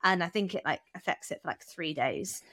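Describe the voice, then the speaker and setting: Young woman guesting on a podcast, bright clear voice, chatty with lots of likes and ums, dry close sound. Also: lowish voice, animated, fairly quick, no echo. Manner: chatty, lots of "like" and "um", laughs easily. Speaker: guest runner. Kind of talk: casual podcast interview.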